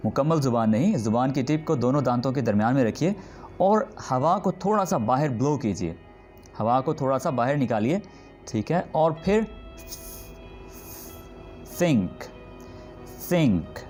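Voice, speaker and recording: A man teaching English pronunciation. He explains patiently and says each example word slowly and drawn out, often stopping to check in with the learner. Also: mid-range voice, expressive, a little mellow, soft background music. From Pakistan. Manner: drawn-out demonstration words repeated slowly. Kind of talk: spoken language lesson.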